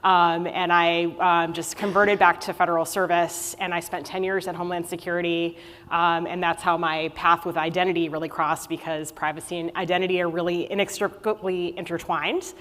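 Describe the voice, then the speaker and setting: A woman's voice: lowish voice, flat delivery, a little fast, a bit bright. A woman speaking on a conference panel in a conversational way with many fillers. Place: conference luncheon hall. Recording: reverberant hall.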